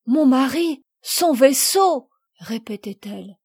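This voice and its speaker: A woman voicing a kind, emotional noblewoman who speaks with warmth and urgency. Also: a little high, lively intonation, normal speed, no echo, studio quality. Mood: overwhelmed. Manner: warm, impassioned and urgent. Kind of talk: audiobook character reading.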